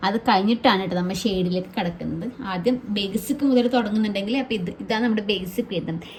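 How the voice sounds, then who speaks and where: A woman's voice: mid-range voice, fast, slight background noise. A woman teaching a fabric painting class in a chatty, reassuring way, often adding little tag words. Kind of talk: casual how-to tutorial.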